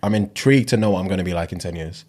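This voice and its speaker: Laid-back low-voiced man. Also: racing, darkish tone. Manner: laid-back, slangy, murmurs agreement. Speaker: podcast co-host. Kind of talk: casual chat.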